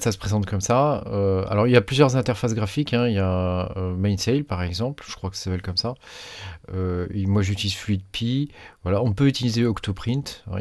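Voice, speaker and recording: A French-speaking man hosts his own maker channel, casually talking through a screen demo in a halting way, full of fillers, hesitations, and restarts. His voice is lowish and darkish, with no room sound.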